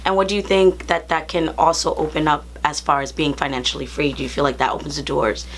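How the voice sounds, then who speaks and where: A woman with a somewhat low voice hosts an interview. She encourages her guest and affirms him often as he talks. A faint hum runs under the recording. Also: fairly even intonation, fast talker. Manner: encouraging, with many affirming fillers. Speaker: interview host. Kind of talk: casual interview.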